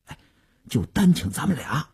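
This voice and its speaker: A man's voice: fairly high pitch, big pitch swings, normal speed, darkish tone, breathy edge, exaggerated voice. A man reading a radio novel aloud, voicing a boastful, self-satisfied male stock speculator who chuckles and coaxes. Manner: bragging, chuckling, coaxing.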